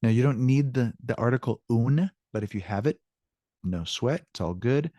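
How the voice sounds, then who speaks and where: This man, a Spanish teacher, has an expressive, warm, mid-range voice and speaks at normal speed. Over a video call he leads a friendly, encouraging online language lesson, explaining examples and switching between two languages, with studio-quality, echo-free sound.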